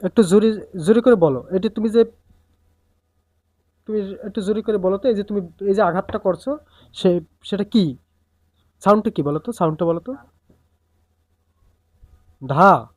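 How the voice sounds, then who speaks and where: A woman's voice: mid-range voice, quick pace, pauses often, dark tone, dry recording. A woman teaching a beginner tabla, coaching and reciting the drum syllables in rhythm. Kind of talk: music lesson instruction.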